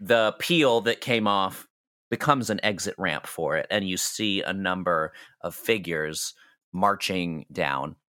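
A man's voice: sits low, slow, pushed and bright, smooth, dry recording, studio quality. A man narrating a tabletop game as game master, casual and laughing often.

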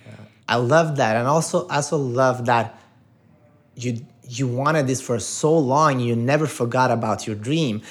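A man's voice: medium pitch, unhurried, husky. A man hosting a podcast, introducing his guest and asking questions with eager admiration. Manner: enthusiastic, admiring. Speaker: podcast host. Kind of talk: interview hosting.

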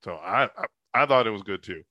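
A man co-hosting a casual chat, animated and quick to laugh. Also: fairly low pitch, dry recording, muffled recording.

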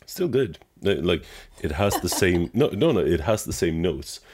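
Low, husky-voiced male podcast co-host. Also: very animated, normal speed, a little mellow. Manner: playful, joking. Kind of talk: casual podcast chat. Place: home in the Netherlands.

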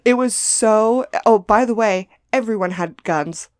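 A woman comedian from the United States co-hosting a podcast, telling stories in a casual, animated way and acting out the people she quotes. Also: fairly high pitch, a little slow, no echo, clean studio sound. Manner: animated storyteller, acts out quotes. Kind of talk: casual chat.

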